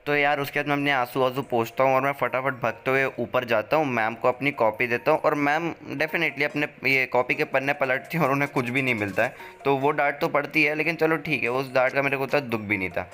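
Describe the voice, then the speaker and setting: A man's voice: medium pitch, fairly quick, pushed and bright, faint music behind. A man casually telling a story from his school days to his channel's viewers, chatty and mixing in slang and English words. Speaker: vlogger.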